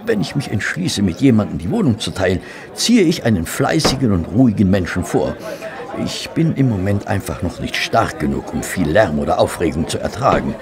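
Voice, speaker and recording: An actor playing Dr Watson, a weary, rueful army doctor back from war, narrating and talking in a radio play. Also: male voice, deep voice, big pitch swings, a little fast. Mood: friendly. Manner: rueful, weary, warmly polite. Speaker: narrator and character. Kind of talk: German radio play acting. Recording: restaurant crowd murmur behind. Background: restaurant chatter.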